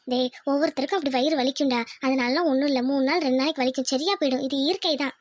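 A woman voicing an older village mother in a cartoon, who scolds her son gently and explains things patiently. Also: sits high, rapid-fire, no echo, close to an everyday voice. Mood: patient, soothing. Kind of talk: cartoon voice acting.

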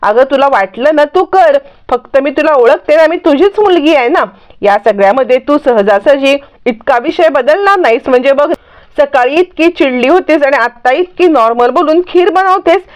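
A woman voicing a young daughter who gently coaxes and questions her mother. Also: sits high, expressive, normal speed. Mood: coaxing. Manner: gently coaxing. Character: young daughter, coaxing and curious.

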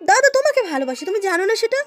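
A woman voicing a lively, teasing young woman who asks brisk, prodding questions. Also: extremely high pitch, faint music behind, voice pushed up.

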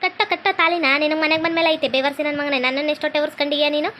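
A woman, scolding and threatening in a village comedy skit. Her voice sits very high and she speaks at a furious pace, with a faint hum of noise behind her. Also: steady tone, rapid-fire, a bit bright. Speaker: comedy sketch creator playing a police officer.

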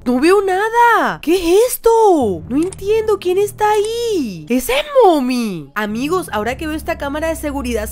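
Very high-voiced excitable woman reacting. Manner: animated, keeps addressing viewers as friends. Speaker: YouTuber reacting to a game video.

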